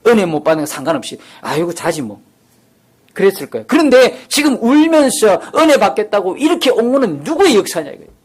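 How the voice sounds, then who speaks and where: Male pastor with a high voice, preaching a sermon and acting out pleading prayers. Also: very animated, quick pace, few pauses, breathy edge. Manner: acts out quoted prayers with rising intensity; drops to a soft near-whisper at times.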